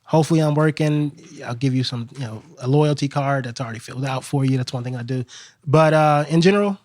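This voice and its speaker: A man from Texas, a restaurant co-owner, talking in a relaxed, earnest way on a podcast and repeating himself as he goes. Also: mid-range voice, fast talker, no echo, clean studio sound. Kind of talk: casual podcast chat.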